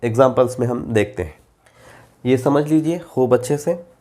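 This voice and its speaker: A man with an Urdu accent teaching Quran reading in a slow lesson, drawing out the example syllables at length. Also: mid-range voice, warm tone.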